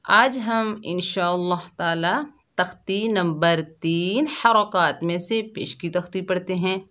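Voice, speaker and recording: Slow, patient woman teaching letter sounds. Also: lowish voice, a bit bright. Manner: drawn-out syllable drills, spelling each letter then sounding it; patient, addresses listeners as dear children. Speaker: Quran reading teacher. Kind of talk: slow, careful recitation lesson for children.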